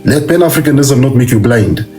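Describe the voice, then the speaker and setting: A man's voice: medium pitch, expressive, fairly quick, darkish tone, soft background music. A man speaking as a guest on a call-in discussion, earnest and polite toward the host.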